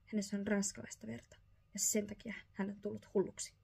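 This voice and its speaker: A woman's voice: mid-range voice, flat delivery, creaky, warm tone, breathy edge, heavily acted. A woman voicing an agitated, fussy male father mouse in a whispered role-play bedtime story, exclaiming in despair.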